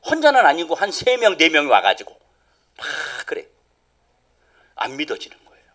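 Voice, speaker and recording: A middle-aged male pastor preaching a sermon, swinging from loud emphatic lines down to near whispers. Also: on the high side, huge pitch swings, normal speed. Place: church sanctuary.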